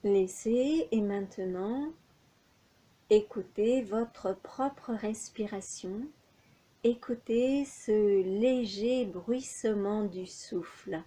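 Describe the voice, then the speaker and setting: The speaker is a woman guiding yoga nidra relaxation as an instructor. Her medium-pitched delivery is calm, soothing and measured, broken up by long pauses.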